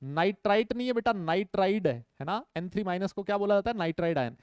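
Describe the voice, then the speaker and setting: A man's voice: sits high, sing-song, very fast, darkish tone, clean tone, no room sound, clean studio sound. A man teaching a chemistry lecture, emphatic, repeating key points and checking in with his students. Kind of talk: online lecture.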